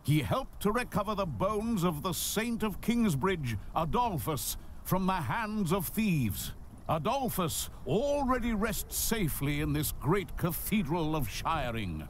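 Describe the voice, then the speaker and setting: A grave, fervent churchman; slow, animated, mid-high voice. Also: slight background noise. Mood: solemn. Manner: grave, solemn proclamation. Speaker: churchman addressing a congregation. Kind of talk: sermon-like address.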